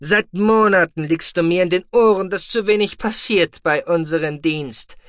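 A man voicing a calm, dry-witted male alien ship commander in an audiobook, commanding and sardonic. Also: high voice, normal speed, dry recording, voice pushed up, lightly acted.

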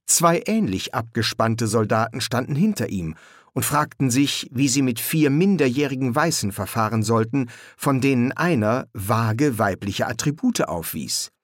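Man, audiobook narrator, lively pitch, dry close sound. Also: moderate pace, dry recording. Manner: raises his voice high for the characters' lines. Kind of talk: scripted narration of a novel.

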